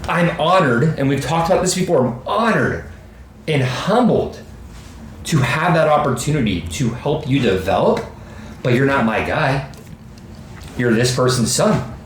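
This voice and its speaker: A man's voice: medium pitch, a little slow. A man in his thirties, a youth baseball coach co-hosting a casual podcast, talking with emphasis and acting out quotes. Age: 30s. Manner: animated, emphatic, quoting himself in asides. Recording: roomy echo with faint background noise.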